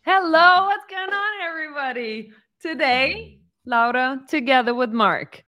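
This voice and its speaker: A woman hosting a podcast, leading the chat in an animated way and introducing her guest. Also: sits high, a little slow, faint music behind. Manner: animated, leads the conversation. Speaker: podcast host. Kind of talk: casual chat.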